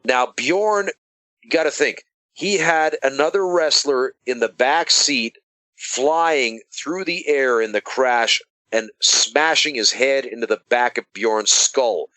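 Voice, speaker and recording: A man hosting a casual podcast, telling stories in an animated, emphatic way. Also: mid-range voice, slow pace, no echo, poor audio. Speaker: podcast host.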